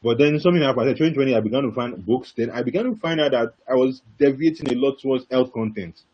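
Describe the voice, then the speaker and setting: A young man telling his story as a webinar guest speaker, animated and repetitive, bursting into laughter. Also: mid-range voice, quick pace, slightly rough. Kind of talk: casual webinar talk. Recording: dull lo-fi webinar audio.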